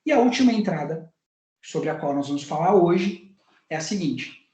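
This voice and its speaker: A man's voice: fairly high pitch, expressive, normal speed, warm tone. A man with a Brazilian Portuguese accent giving a university lecture on negotiation, acting out sample phrases as he teaches. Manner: didactic, acts out sample phrases. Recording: roomy echo.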